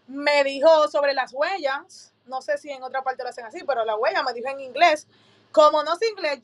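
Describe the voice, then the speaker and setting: A young woman casually retelling a story, acting out both sides of the dialogue with lots of fillers. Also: high voice. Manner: chatty, with many fillers. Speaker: applicant recounting her citizenship interview.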